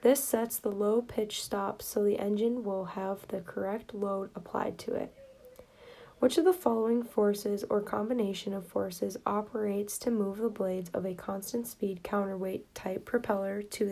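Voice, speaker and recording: A woman with a medium-pitched, gravelly voice reads aloud study questions and answers for written and oral exams. Her delivery is steady and plain.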